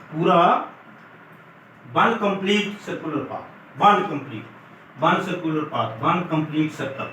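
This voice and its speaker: This is a classroom physics lesson at a board, where a man explains things one step at a time, uses English terms and calls his students "beta". His voice is a little high and a bit bright. It was captured from a distance in an echoey room with faint background noise.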